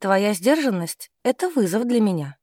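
A man voicing a playful, teasing young woman in an audiobook, in a soft murmuring manner. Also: high-pitched, big pitch swings, measured pace, breathy edge, dry recording, clean studio sound, voice pushed up, heavily acted. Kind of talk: audiobook character voice.

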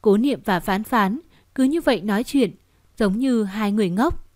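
A woman narrating a dramatic romance story in a steady, storytelling tone. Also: medium pitch, moderate pace, no echo, clean studio sound. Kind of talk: scripted narration.

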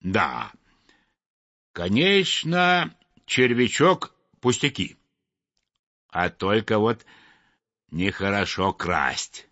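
A man playing a cheerful young chimney sweep in a storybook reading, low and mildly scolding. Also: big pitch swings, drawn-out words, pauses often, pushed and bright, no room sound, heavily acted. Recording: dull dry lo-fi recording.

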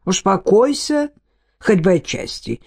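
A woman's voice: mid-range voice, very animated, unhurried, creaky, darkish tone, slightly rough, heavily acted. A woman reading an audiobook, voicing a verbose middle-aged male doctor with an ornate, lecturing manner. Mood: soothing.

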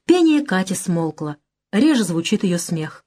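A woman narrates a classic novel with an expressive, emotional reading. Her pitch is mid-range for a woman, with a lively, animated melody throughout. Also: measured pace. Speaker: audiobook narrator.

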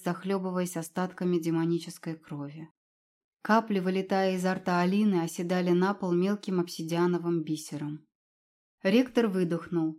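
A woman reading a fantasy novel aloud as audiobook narrator, in a measured, expressive way. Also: on the low side. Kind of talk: scripted narration.

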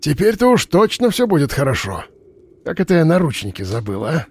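A man reading an audiobook, voicing a gruff, sardonic middle-aged investigator. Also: a little high, huge pitch swings, a little fast, pitched above the performer's own voice, heavily acted. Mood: gruff, mocking.

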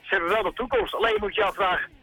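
Calm radio guy talking football, dry and needling, bright voice, faint music in the back. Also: high voice, rapid-fire, low-quality recording. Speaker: radio co-host. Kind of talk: studio discussion. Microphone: studio microphone.

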